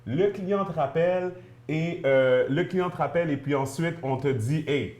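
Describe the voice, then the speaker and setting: A man's voice: on the high side, moderate pace, darkish tone, a little hiss or hum. Man, casual panel talk, rambling, many fillers, echoey room. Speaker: panel guest.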